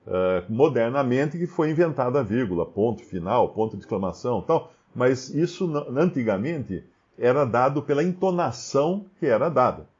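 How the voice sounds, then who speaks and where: Male Bible commentator, lively swooping delivery, mellow tone, dull lo-fi recording. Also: mid-range voice, normal speed. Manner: animated, many rhetorical questions.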